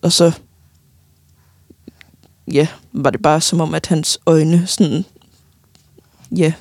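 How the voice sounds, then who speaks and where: Young woman telling a hard personal story, gravelly fry in her voice, dry close sound, halting and unsure. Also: deep voice, fairly even intonation, a little mellow, dry recording. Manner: halting, many fillers and restarts, tearful at times. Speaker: interviewee. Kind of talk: personal grief account.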